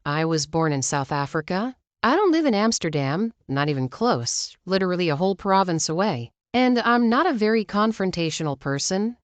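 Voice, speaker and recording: A woman's voice: on the low side, sing-song, normal speed, hardly any pauses, no echo. A woman narrating a Reddit story in the first person, with sarcastic asides. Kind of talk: reading a Reddit story aloud.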